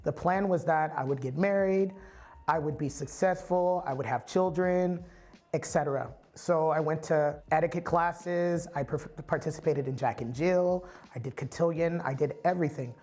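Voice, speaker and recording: A man's voice: a little high, moderate pace, a little mellow. A man from the Bay Area giving a candid, reflective personal testimony as a storyteller. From San Francisco Bay Area.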